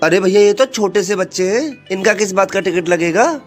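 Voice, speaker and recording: A man's voice: high voice, normal speed, soft background music, pitched above the performer's own voice, lightly acted. A man voicing an argumentative, indignant woman arguing over a bus fare in a comic skit. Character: brash bickering woman on a bus.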